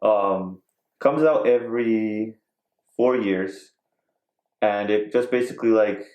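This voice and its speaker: Low-pitched male co-host, casual rambling chat, echoey room. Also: slow, darkish tone, dull audio. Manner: rambling, filler-heavy, joking. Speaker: podcast co-host.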